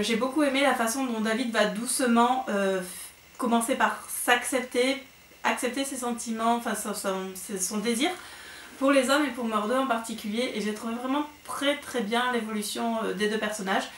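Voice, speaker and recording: A woman's voice: fairly high pitch, normal speed, fairly bright tone. Chatty woman vlogger in an echoey room. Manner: chatty, hesitant with frequent fillers and restarts. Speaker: book vlogger. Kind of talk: casual monthly reading recap. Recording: echoey room with faint noise.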